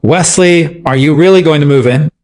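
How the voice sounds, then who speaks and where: A male narrator voicing a fragile, clingy young woman who pleads softly and lifts his pitch a little for her. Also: normal speed, lightly acted. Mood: anxious.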